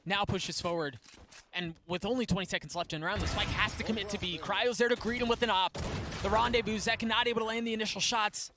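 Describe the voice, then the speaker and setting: Esports caster, male, slightly high voice, live play-by-play that climbs sharply with the action, clear noise behind him. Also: fairly even intonation, fast talker.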